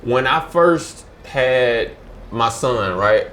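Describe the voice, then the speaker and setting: A young man from Georgia talking fast and slurring his words as a podcast guest, with many fillers. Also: medium pitch, expressive, fairly bright tone, a little hiss or hum. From Georgia, USA. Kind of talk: casual podcast chat.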